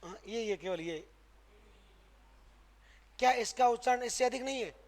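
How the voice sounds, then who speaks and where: Teaching grammar live, this man from Rajasthan, India, speaks in a very high voice at a moderate pace. He poses question after question and supplies the answers himself, repeating and stressing sounds to demonstrate their pronunciation.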